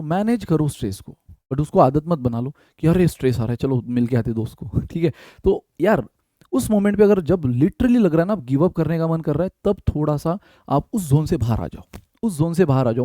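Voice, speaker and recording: A young man talks through study tips in a casual, direct way. His voice sits a little high but sounds mellow and warm. It is recorded close and dry. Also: expressive, moderate pace, no echo. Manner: casual, direct, addresses viewers as guys. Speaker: exam prep teacher. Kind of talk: motivational study-tips talk.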